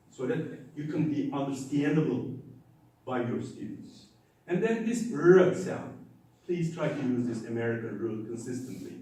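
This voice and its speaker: A man gives an emphatic conference lecture. His high voice swings widely as he repeats words and sounds out examples. He is picked up from far off, with heavy echo from the hall. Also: darkish tone. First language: Turkish. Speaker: conference presenter. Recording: echoey hall, distant mic.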